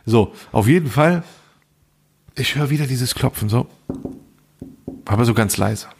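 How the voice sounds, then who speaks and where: A man's voice: medium pitch, lively intonation, measured pace, creaky, a little mellow, soft background music. A man co-hosting a podcast, telling a story in a casual, slangy way and acting out both sides of the dialogue. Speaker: podcast co-host.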